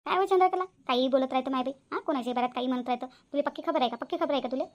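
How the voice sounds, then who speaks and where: A woman's voice: high-pitched, rapid-fire, lo-fi sound, lightly acted. A woman voicing an angry, threatening middle-aged village aunt in a cartoon. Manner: indignant, threatening.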